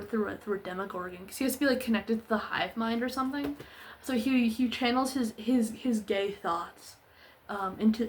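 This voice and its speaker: A woman's voice: mid-range voice, a bit bright, a little hiss or hum. A young woman ranting sarcastically in a casual, slangy, rambling video recap full of fillers. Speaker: vlogger.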